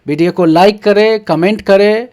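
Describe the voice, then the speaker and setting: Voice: mid-range voice, normal speed, a little mellow. A teacher patiently explaining a children's textbook lesson, reading each question aloud, answering it, and breaking words into syllables. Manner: reads questions aloud, then answers them.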